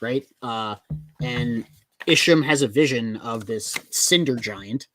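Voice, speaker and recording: A man's voice: medium pitch, slow, fairly bright tone. A man in casual chat, animatedly retelling a comic book's plot on a video call. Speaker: co-host of a comic book show.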